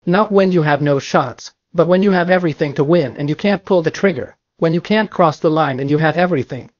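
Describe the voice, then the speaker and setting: An older man lectures a bowling class in an emphatic way, repeating his points and answering his own questions. His voice sits a little high for a man. The sound is dry and dull, like a lo-fi recording of a classroom. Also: a little mellow, no room sound. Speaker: bowling coach. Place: classroom with a projector screen.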